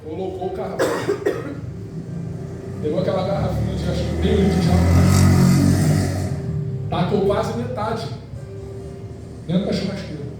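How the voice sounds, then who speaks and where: High-voiced man preaching in an echoey church. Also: moderate pace, pauses often, distant mic. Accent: Rio de Janeiro Portuguese. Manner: animated, storytelling with acted quotes and rhetorical questions. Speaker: evangelist preacher. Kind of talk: Pentecostal sermon. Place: large church hall. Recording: very echoey church hall, music behind.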